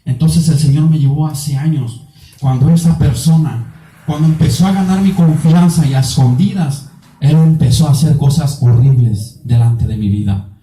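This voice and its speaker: A man's voice: fairly high pitch, moderate pace, dark tone. A man from Mexico, an evangelist giving an earnest, emotional testimony sermon with much repetition. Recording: echoey room, voice from far off.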